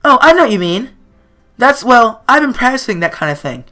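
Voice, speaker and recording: Man doing a bubbly high teenage girl. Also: very animated, fairly quick, soft background music, full character voice. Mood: cheerful. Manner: giggly, bright and eager.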